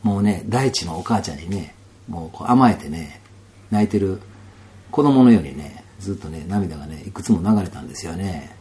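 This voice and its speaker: A man with a Kansai accent telling a personal story in a casual interview, animated and laughing often, sometimes dropping to soft asides. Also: sits low, moderate pace. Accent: Kansai Japanese.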